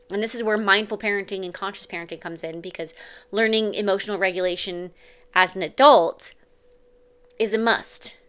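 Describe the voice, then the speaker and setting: A woman who is a mother and parenting coach, giving earnest, confiding advice straight to her viewers and often checking in with a quick "okay?". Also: medium pitch, a bit bright. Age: adult mother. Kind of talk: direct-to-camera advice talk.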